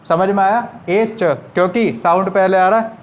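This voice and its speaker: High-voiced man teaching shorthand. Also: fairly even intonation, normal speed. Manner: patient, repeats rules step by step. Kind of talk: classroom lesson explaining at a board. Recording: slightly dull lo-fi recording with faint noise.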